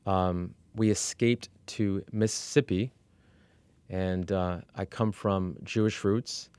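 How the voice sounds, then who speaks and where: A middle-aged man from Iran tells his own story as an interview guest. His voice sits low and sounds clear and smooth. He speaks in a measured way, with fillers and restarts. The recording is dry and close. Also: steady tone, a little mellow, dry recording. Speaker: executive coach. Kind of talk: candid personal storytelling.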